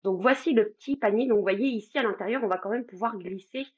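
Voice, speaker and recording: A woman's voice: mid-range voice, fast talker, slightly rough, lo-fi sound. A French woman hosting a live craft stream, chatting casually, greeting viewers by name with many fillers. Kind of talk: casual live demo chat.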